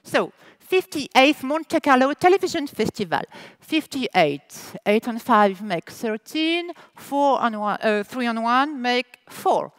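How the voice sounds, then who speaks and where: On a festival stage before an audience, a woman with a French accent hosts the opening ceremony, joking playfully and switching between French and English in a teasing, deliberate manner. Her voice is fairly high with big pitch swings and no room sound.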